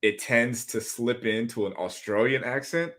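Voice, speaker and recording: A man's voice: medium pitch, moderate pace, a bit bright. A man appearing as a guest on a casual sports podcast, talking in a laid-back, rambling, self-conscious way.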